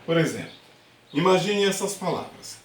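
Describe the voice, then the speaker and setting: A man's voice: on the high side, lively intonation, moderate pace, a little hiss or hum. Guy teacher walking students through a lesson bit by bit, keeps asking if they got it, echoey room. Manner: explains step by step, often checks in with the students. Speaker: Portuguese language teacher. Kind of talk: remote class lesson. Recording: roomy echo.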